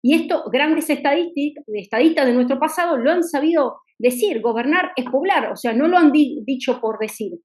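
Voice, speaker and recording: Emphatic high-voiced woman host. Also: moderate pace, hardly any pauses, a little mellow. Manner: emphatic, rhetorical, frequent tag questions. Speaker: interview host. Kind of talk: political interview talk.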